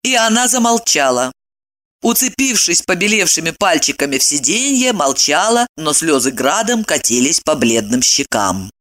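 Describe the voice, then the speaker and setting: A woman narrating a story aloud, reading in an expressive, dramatic way. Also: deep voice, moderate pace.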